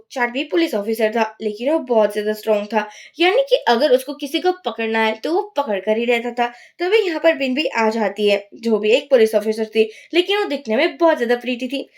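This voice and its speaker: A woman narrating a drama recap in a lively, conversational way. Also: on the high side, a little fast, few pauses. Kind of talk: storytelling recap.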